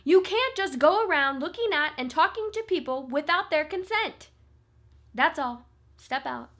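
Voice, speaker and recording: A woman's voice: sits high, animated, measured pace, fairly bright tone. A woman playing a self-righteous daytime TV judge in a comedy radio sketch, stern and scolding. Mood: pompous. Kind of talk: comic radio sketch acting.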